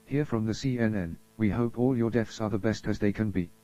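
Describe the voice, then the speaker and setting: This man sounds like a broadcast announcer, reading scripted emergency announcements to the public in a solemn, formal way at a brisk pace. His voice is lowish, very dark and mellow, and the recording is muffled and lo-fi.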